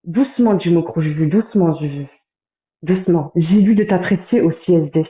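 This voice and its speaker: A man on a livestream, reading out chat messages in a running commentary with quick asides. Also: a little high. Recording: tinny phone-like sound in a roomy space.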